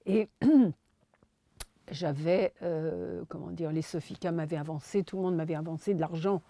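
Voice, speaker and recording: A woman who works as a filmmaker and writer appears as an interview guest, telling anecdotes in conversation. She is an animated storyteller who acts out the dialogue, speaking in a deep voice at a slightly slow pace.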